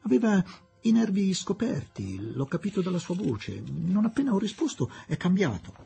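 A man's voice: high-pitched, sing-song, moderate pace, vocal fry, faint music behind, pitched above the performer's own voice, exaggerated voice. A man voicing a dreamy elderly English lady. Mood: wistful. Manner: soft, wistful and forgetful.

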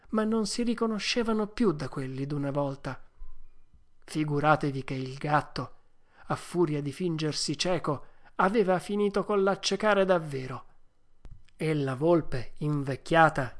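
Woman reading a storybook aloud. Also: deep voice. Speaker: narrator.

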